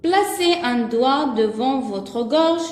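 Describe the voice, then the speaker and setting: Slow high-voiced woman teaching reading. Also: animated, darkish tone. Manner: slow, deliberate, repeats each syllable. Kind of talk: slow reading lesson for first graders. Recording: echoey room with long reverb.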